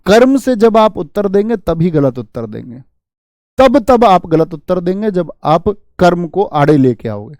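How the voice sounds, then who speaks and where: A man's voice: high voice, very animated, measured pace, darkish tone, no room sound, clean studio sound. A man teaching a Hindi grammar class, drilling students with rhetorical questions and calling them friends.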